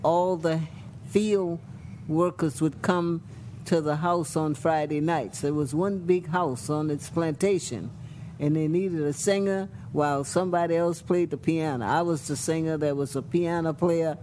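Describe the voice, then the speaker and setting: A woman in her seventies with a South Louisiana accent, a singer and guest telling stories in a folksy, drawn-out way. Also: deep voice, steady tone, dark tone, a little hiss or hum. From Louisiana bayou country. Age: 70s. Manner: folksy, drawn-out storytelling with colloquial phrasing. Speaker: guest, singer and praline maker. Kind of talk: casual chat.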